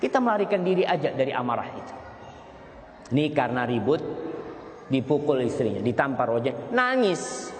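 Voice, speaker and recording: A male preacher giving a sermon on marriage, telling stories, his voice leaping higher for emphasis. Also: very animated, normal speed, long pauses. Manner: storytelling, voice leaps higher for emphasis. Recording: echoey hall with long reverb, faint noise.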